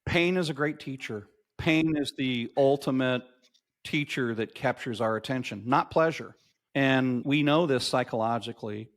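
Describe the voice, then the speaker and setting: A man's voice: medium pitch, normal speed. A man in his fifties, a podcast guest telling stories in an emphatic, motivational way and repeating key phrases for effect. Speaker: podcast guest, marketing agency owner. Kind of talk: animated interview storytelling.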